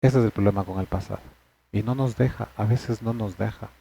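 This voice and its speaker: A man's voice: lowish voice, fairly quick, gravelly, dark tone, slight background noise. A man leading a church men's study session, talking earnestly and conversationally to the group.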